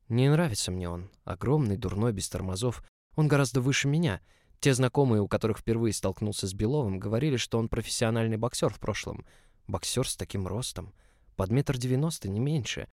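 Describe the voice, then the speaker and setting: Calm low-voiced male audiobook narrator. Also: a little fast, no room sound, clean studio sound. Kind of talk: first-person audiobook narration.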